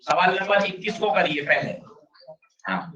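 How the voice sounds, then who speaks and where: Male teacher, energetic and pushing students, high bright voice, dull roomy classroom sound from a distance. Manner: energetic, drilling students with rapid questions. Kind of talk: classroom physics lecture.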